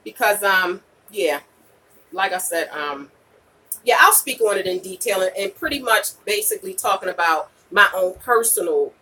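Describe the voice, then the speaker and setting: Her tone pushed and bright with a breathy edge, a late-forties woman delivers emphatic, repetitive advice on a casual livestream, tossing in "okay?" and "you know" as she talks with viewers in her role as vlogger and podcaster. Her medium-pitched voice moves at a moderate pace with lively intonation and slangy, candid phrasing. The rough recording was captured from a distance.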